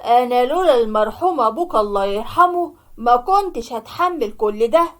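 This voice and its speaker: A woman voicing a scheming middle-aged uncle in a cartoon story, smooth-talking, with an Egyptian accent. The voice stays high. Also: animated, a little fast, natural voice. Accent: Egyptian Arabic.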